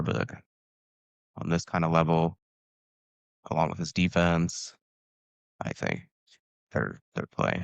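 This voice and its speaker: A man from Washington, United States, co-hosts a casual basketball podcast, sounding laid-back and hesitant with lots of fillers. His voice is deep, creaky, and a bit bright, with no echo and the highs cut off.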